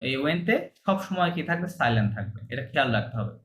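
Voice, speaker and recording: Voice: medium pitch, expressive, quick pace, a bit bright, rough recording. An online French teacher explaining verb endings patiently, checking understanding often and mixing English and French terms into the lesson.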